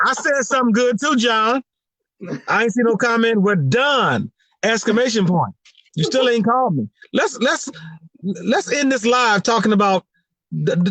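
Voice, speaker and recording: A man hosting a casual livestream talk, lively and joking in banter. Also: high voice, normal speed, dry recording. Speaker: host.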